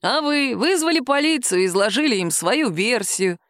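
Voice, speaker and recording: A woman voicing a calm, caustic male police captain who questions a suspect slowly in an audiobook. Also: on the high side, no echo, pitched above the performer's own voice. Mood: dry. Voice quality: nagging, dry. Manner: slow, calm, measured interrogation.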